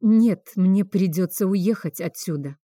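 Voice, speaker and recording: A woman's voice: medium pitch, a little slow, dark tone, no echo, clean studio sound, natural voice. A woman voicing a frightened, devout female cook, in an audiobook reading. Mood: firm. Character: frightened middle-aged female cook, loyal servant.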